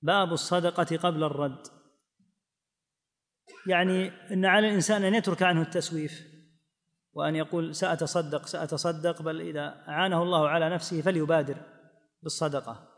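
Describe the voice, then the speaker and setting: A man giving a measured religious lesson, explaining texts and voicing quoted speakers. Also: fairly high pitch, steady tone, in a large hall. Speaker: teacher explaining hadith.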